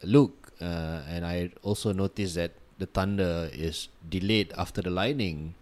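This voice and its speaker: A man from Singapore co-hosting a casual podcast, hesitant and quick to laugh. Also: deep voice, steady tone, a little mellow. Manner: hesitant, many fillers and restarts, laughs often. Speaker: podcast co-host.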